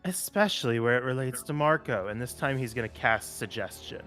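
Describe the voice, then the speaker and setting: Man, tabletop player, casual chat, bright tone, self-correcting, faint music behind. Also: medium pitch, brisk. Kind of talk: casual tabletop game talk.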